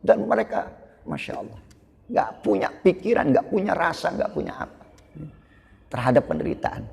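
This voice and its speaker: A man preaching in a mosque, telling the story with lively asides to the congregation. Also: sits high, moderate pace, vocal fry, slightly rough. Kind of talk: storytelling sermon. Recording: echoey mosque hall.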